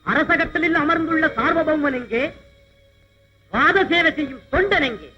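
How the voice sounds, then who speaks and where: A sharp, indignant royal prince. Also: male voice, extremely high pitch, lively intonation, normal speed, heavily acted. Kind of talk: dubbed mythological film acting. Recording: dull lo-fi old film soundtrack with music.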